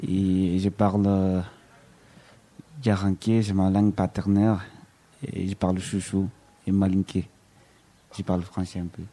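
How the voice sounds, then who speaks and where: A young man from Guinea with a very deep, flat, dark voice gives a halting self-introduction. He speaks in short, simple phrases. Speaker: student.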